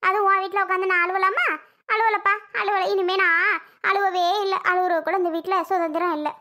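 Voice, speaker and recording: A woman's voice: little pitch movement, brisk. A woman voicing a tearful, aggrieved elderly mother in a cartoon, wailing and complaining. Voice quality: wailing, complaining, high and bright. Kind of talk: animated cartoon voice acting.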